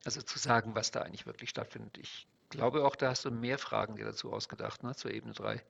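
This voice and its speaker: A man's voice: mid-range voice, steady tone, fast, vocal fry, a bit bright. A man who works as an NLP trainer, explaining his ideas step by step in an interview. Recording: dull lo-fi sound.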